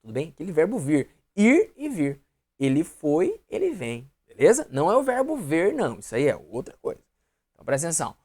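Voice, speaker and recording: A man's voice: fairly high pitch, huge pitch swings, a little fast, a little mellow. A man with a Brazilian Portuguese accent teaching an online grammar lesson, often checking in with the viewer and voicing imagined student questions.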